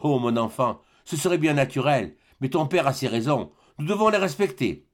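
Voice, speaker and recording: A man reading the part of a timid, gentle middle-aged mother who speaks softly and soothingly. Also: mid-range voice, expressive, normal speed, close to an everyday voice. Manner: soft and soothing.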